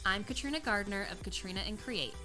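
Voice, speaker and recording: A woman's voice: mid-range voice, fast, over music. A woman reading a scripted podcast intro in an upbeat, punchy way.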